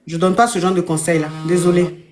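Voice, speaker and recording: A woman's voice: lowish voice, little pitch movement, brisk, a little mellow, slight background noise. A woman hosting a live call-in show as a coach, speaking to callers in a blunt, impatient way.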